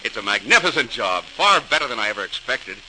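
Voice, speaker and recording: In the manner of a 1940s radio drama, an actor voices John Roebling, an earnest, determined engineer-inventor urging his neighbors on. Over faint music on a noisy old recording, his medium-pitched voice is sing-song, quick, pushed and bright, hearty and eager with stagey emphasis.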